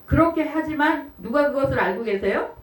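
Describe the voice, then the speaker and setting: An older woman, somewhat high-voiced, preaches in a chatty storytelling way. She stays conversational, tosses questions to the congregation, and laughs easily. The sound is roomy and echoey, with her voice a bit distant and faint noise behind it. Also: expressive, brisk. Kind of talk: sermon with personal stories. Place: church sanctuary. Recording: echoey church hall, mic far off, faint noise.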